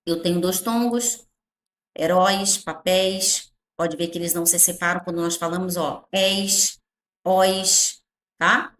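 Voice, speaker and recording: A Brazilian woman teacher explaining grammar in an animated way, stretching her words and checking in with the class often. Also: on the low side, moderate pace, roomy sound, a little hiss or hum. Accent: Brazilian Portuguese.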